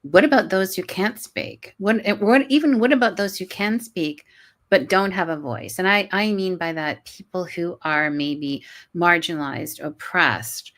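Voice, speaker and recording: In a conversational interview, a woman who teaches college speaks earnestly and unhurriedly in a lowish, slightly bright voice. Her sentences often restart, and she laughs at times.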